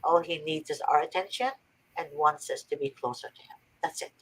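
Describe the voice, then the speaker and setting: A woman's voice: low voice, brisk, slightly rough, rough recording. A woman from Egypt hosting a faith-based advice talk, earnest and preachy with emphatic repetition. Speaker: host.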